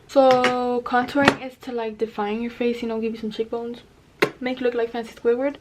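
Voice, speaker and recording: A woman's voice: fairly high pitch, a little hiss or hum. A woman of about nineteen chatting casually as a beauty vlogger, rambling off on tangents in slangy, self-deprecating talk with casual swearing. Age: 19, about to turn twenty. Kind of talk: casual get-ready-with-me chat.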